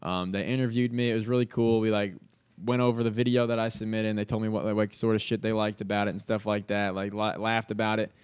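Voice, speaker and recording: Young guy on a podcast talking fast, slangy, lots of like and bro, swears a ton. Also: lowish voice, clean tone. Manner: slangy and animated, heavy filler words and swearing. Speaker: guest. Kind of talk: casual storytelling.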